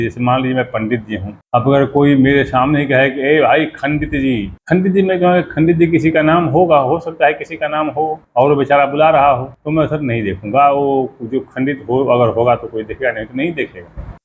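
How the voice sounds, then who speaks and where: A man explaining how mantras should be pronounced, patiently repeating words slowly to demonstrate each sound. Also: medium pitch, narrow, tinny audio, a little hiss or hum. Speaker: astrology teacher. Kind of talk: explanatory talk on mantra pronunciation.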